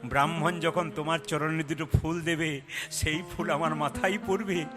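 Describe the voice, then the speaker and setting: Dramatic high-voiced male kirtan preacher. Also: steady tone, normal speed. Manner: dramatic, swings between loud cries and hushed tones, acts out story voices. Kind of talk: devotional kirtan sermon. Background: music.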